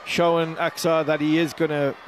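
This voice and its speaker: A man's voice: a little high, flat delivery, moderate pace, a little hiss or hum. A man analysing shots and deliveries as a co-commentator in live cricket commentary.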